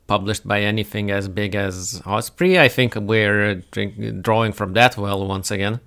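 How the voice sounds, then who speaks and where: A man's voice: lowish voice, fairly even intonation, unhurried, gravelly, fairly bright tone, smooth. A man hosting a casual tabletop game podcast, talking with a co-host, hesitant with many fillers.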